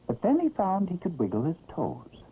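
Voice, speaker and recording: A vintage cartoon narrator tells a children's tale with theatrical expression. The pitch swings widely from phrase to phrase. The sound is an old, tinny film track with faint noise. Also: wildly swooping pitch, normal speed. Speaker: storyteller narrator.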